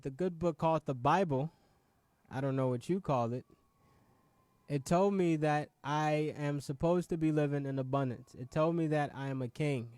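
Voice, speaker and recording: His voice sits a little high and a little mellow as this Ghana-born show host, in his late twenties, motivates viewers. Repeated rhetorical questions and frequent "right?" asides drive his talk. The recording is dry.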